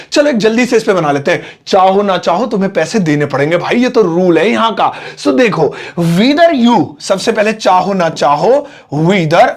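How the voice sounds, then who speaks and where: A young man with a high voice teaches spoken English. He explains each phrase patiently and stretches English words out slowly as he writes them.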